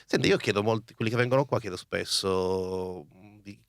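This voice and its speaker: Lowish-voiced man hosting an interview. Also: normal speed, no echo, clean studio sound. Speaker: radio interviewer, host. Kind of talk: casual conversational interview.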